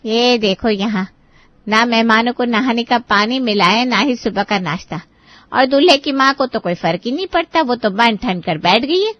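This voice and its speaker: A woman voicing an irritable older aunt in a cartoon story, sharp and indignant. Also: a little high, expressive, moderate pace, no echo, lo-fi sound, lightly acted.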